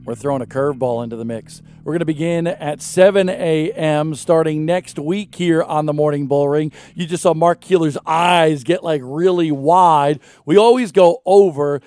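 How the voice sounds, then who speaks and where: A man's voice: a little high, darkish tone. A man hosting a casual morning show about racing, chatting and joking with his co-host and a guest driver.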